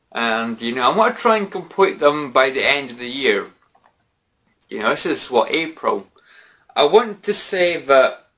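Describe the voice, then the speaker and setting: A man's voice: medium pitch, sharp tone. A British man in his twenties, drunk, chatting casually to camera in a rambling, repetitive way as a gaming vlogger. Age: 20s. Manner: repetitive, rambling, peppered with "you know" and mild swearing. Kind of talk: casual vlog chat to camera. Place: small bedroom, indoors.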